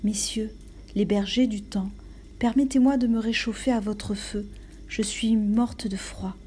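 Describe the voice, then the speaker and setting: A woman voicing a frightened young girl in a storybook, speaking softly and imploringly. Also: mid-range voice, fairly even intonation, brisk, a little hiss or hum, natural voice. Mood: timid. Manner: soft and imploring.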